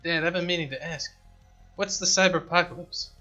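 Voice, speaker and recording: A man's voice: fairly high pitch, brisk, bright, forceful tone, highs cut off, soft background music, pitched above the performer's own voice. A man reading a curious young son. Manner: curious, questioning. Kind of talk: reading game dialogue aloud.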